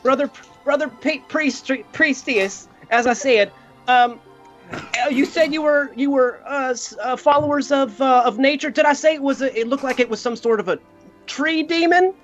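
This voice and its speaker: A player voicing an earnest, bumbling holy brother who speaks in a halting, dramatic, pious way in a tabletop game. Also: high voice, a bit bright, lo-fi sound, faint music behind. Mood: pleading, flustered.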